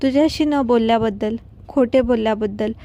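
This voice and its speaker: A shy young wife speaks in a hushed, trembling way in a storybook reading, as a woman voices her. Her voice is fairly high and mellow. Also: fairly quick, slight background noise, lightly acted. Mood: tearful.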